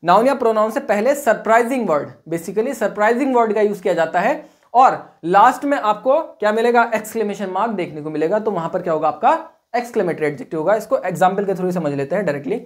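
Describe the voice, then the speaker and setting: A woman's voice: mid-range voice, animated. Woman teaching, quizzing herself as she goes. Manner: asks questions and answers them herself, reads examples out slowly. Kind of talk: classroom lecture.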